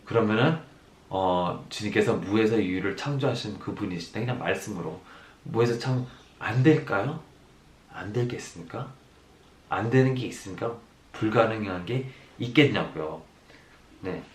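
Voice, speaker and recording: A man preaching a sermon as pastor, emphatic, repeating phrases and swinging between loud declarations and hushed asides. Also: fairly low pitch, normal speed, reverberant.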